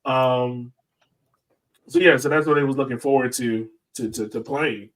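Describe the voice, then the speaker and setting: An American man co-hosts a sports podcast in casual, informal chat sprinkled with "like", speaking at normal speed in a mid-range voice. He sounds distant from the microphone.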